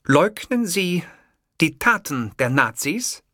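A man putting on a sharp, impatient young woman reporter, pitched well above his usual voice and sounding bright. She fires off curt, probing questions in an audiobook reading. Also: big pitch swings, slow, no echo, clean studio sound, heavily acted. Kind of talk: audiobook character voice.

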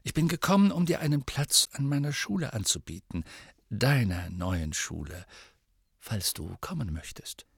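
A man reading an audiobook voices a patient, kindly old wizard teacher who speaks calmly and softly. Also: on the high side, brisk, hardly any pauses, breathy edge, dry recording, clean studio sound, pitched above the performer's own voice, full character voice. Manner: calm, gentle and soft-spoken.

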